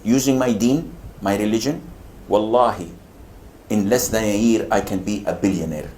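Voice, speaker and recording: Older man, lowish pitch, preacher at Q&A, humorous, animated, faint background noise. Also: normal speed. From Saudi Arabia. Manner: humorous, animated, acts out voices of others. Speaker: Islamic preacher answering questions. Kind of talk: lecture Q&A.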